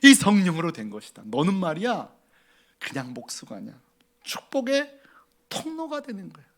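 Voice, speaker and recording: A man voicing God as a tender, fatherly figure, speaking in a hushed voice that sometimes drops to a whisper. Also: fairly high pitch, very animated, a little fast, exaggerated voice. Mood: reassuring.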